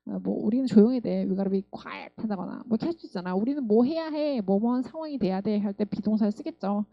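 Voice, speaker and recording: A woman's voice: mid-range voice, fast, creaky, no room sound, muffled recording. A woman teaching English pronunciation, explaining and repeating words again and again as drills. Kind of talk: language lesson.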